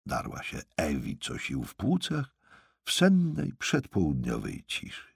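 Male audiobook narrator, slow, husky, gravelly, dry close recording. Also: very deep voice, dry recording. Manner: expressive storytelling. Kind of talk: scripted narration.

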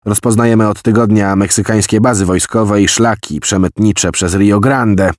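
A man's voice: on the low side, fairly even intonation, moderate pace, darkish tone, dry recording, studio quality, lightly acted. A man playing a blustering spy-chief general. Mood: commanding. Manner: agitated, declamatory tirades.

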